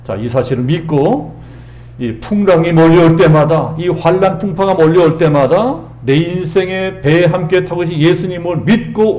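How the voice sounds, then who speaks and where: A man's voice: sits high, a little mellow, reverberant. A middle-aged man preaching a sermon as pastor, emphatic and repetitive, raising his voice when he quotes.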